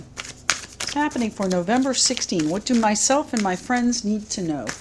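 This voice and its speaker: A woman giving a solo tarot reading to camera, musing gently and repeating her phrases, a little choked up. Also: mid-range voice, slight background noise, low-quality recording. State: slightly choked up, clearing throat. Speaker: tarot reader.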